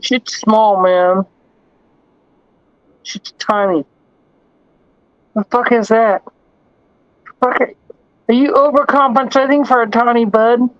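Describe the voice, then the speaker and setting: A man with a high voice drawls slowly through a loose, profane livestream ramble, laughing often and turning loud and rowdy when he calls out to viewers. The sound is dull and lo-fi, and the voice sits dry and close with no room around it. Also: steady tone, smooth, no room sound. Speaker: livestream host. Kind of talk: casual livestream chat.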